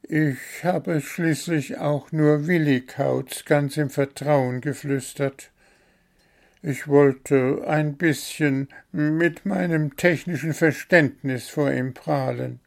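Man doing a high fretful little bird. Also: steady tone, slow pace, vocal fry. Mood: pleading. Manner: high, pleading, flustered. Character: small fretful male bird, chirpy and anxious.

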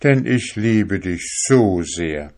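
A man's voice: deep voice, lively intonation, very slow, a little mellow, full character voice. A man voicing a young lovestruck fisherman who speaks in an eager, pleading way, raised above his own voice. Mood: tender, pleading.

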